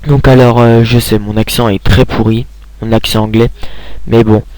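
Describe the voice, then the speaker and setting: A man's voice: lowish voice, flat delivery, normal speed, darkish tone. A young man giving a casual screen tutorial, rambling with many hesitations and restarts, talking into a computer mic at home.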